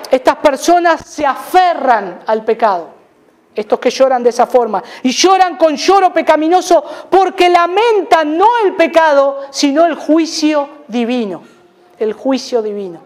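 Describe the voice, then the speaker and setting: A man's voice: very high voice, measured pace. A middle-aged man with an Argentine accent preaching a sermon as pastor, emphatic, repeating key phrases for weight. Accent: Argentine Spanish.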